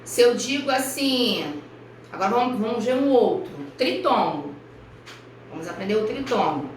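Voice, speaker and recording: A woman primary school teacher from Brazil giving a recorded review lesson for children, speaking slowly and carefully and spelling out each example. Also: on the high side, expressive, slight background noise. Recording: echoey room, voice far from mic.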